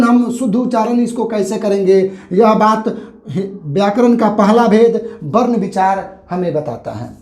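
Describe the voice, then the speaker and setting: A man's voice: high-pitched, darkish tone. Man teaching grammar in an echoey room. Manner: explains slowly, repeating each point with ठीक है. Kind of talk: grammar lesson at a board.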